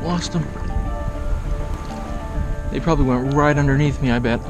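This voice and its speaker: Speaking at normal speed over music, a young man vlogs excitedly from a kayak on open water, captured by a kayak-mounted action camera. His commentary comes in breathless, awed exclamations that often rise high. He was born in Kansas and raised in Oklahoma.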